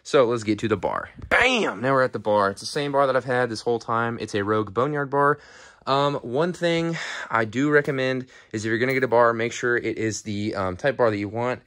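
Speaking briskly with a medium-pitched, fairly bright voice, a young American man walks viewers through his home gym in a metal-walled indoor garage shop. His fitness vlog chat is off the cuff, laid-back, rambling, and slangy. He films with a handheld phone behind the camera view, and the audio is dry and studio quality.

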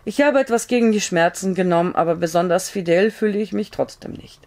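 A woman's voice: mid-range voice, fairly quick, darkish tone, close to an everyday voice. A woman voicing an injured male frontier doctor who gives sober, matter-of-fact instructions in an audiobook reading. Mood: wry.

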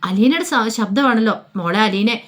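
A woman's voice: a little high, moderate pace, natural voice. A woman voicing a frail bedridden grandmother over seventy who calls out anxiously. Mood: worried. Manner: anxious calling out.

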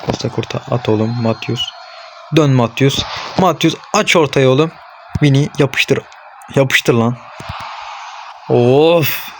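Speaking slowly and pausing often, a young gaming host narrates his own football game live, egging on his players and talking to himself between frustrated outbursts. His pitch is medium, his mood is worked up and annoyed, and a faint hiss or hum sits under the recording.

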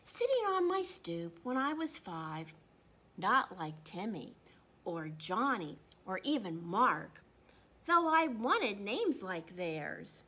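Reading to kids at storytime in a small room, a children's librarian in her sixties speaks slowly with a medium, husky voice that is pushed and bright, with big pitch swings. She reads expressively and stops to put questions to the children along the way.

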